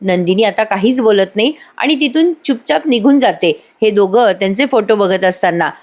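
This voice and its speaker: A woman's voice: medium pitch, lively intonation, normal speed, darkish tone. Chatty lady doing a tv serial recap voice-over, storytelling to her viewers. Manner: chatty storytelling, addresses listeners.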